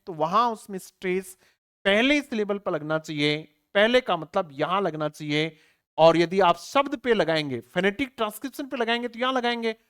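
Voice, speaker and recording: A man's voice: sits high, fairly bright tone, clean tone. Male teacher quizzing his students. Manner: asks rhetorical questions and answers them himself; spells words out letter by letter. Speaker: English teacher. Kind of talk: online exam-prep lesson.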